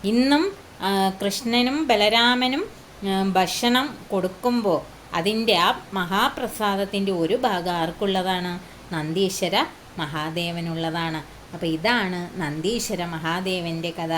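A woman telling a devotional story in an unhurried, casual way, pausing often and asking the listeners questions. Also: mid-range voice, fairly bright tone, slight background noise.

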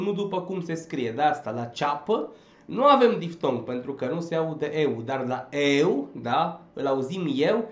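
A man gives an emphatic exam-prep lesson in a fairly high voice, pressing each point and checking in with short questions. The recording sounds roomy and a little dull. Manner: emphatic, drills points with frequent "da?". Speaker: Romanian language teacher. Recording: echoey, slightly dull recording.

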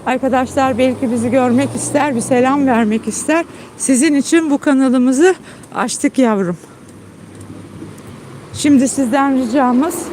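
A woman host chatting casually to viewers on a phone live stream, tired after a long trip, outdoors at night in a garden. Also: slight background noise. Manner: chatty, warm-hearted, calls her dog in high coaxing tones. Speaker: channel host.

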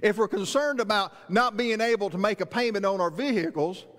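Earnest preacher in a reverberant sanctuary. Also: male voice, high-pitched, brisk, a bit bright. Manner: earnest, rising to emphatic rhetorical questions, walking the stage. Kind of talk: sermon. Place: large church sanctuary. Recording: long reverb of a church hall.

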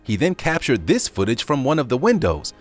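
Lively man narrating a countdown video. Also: mid-range voice, fairly quick, faint music behind. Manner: lively storytelling delivery.

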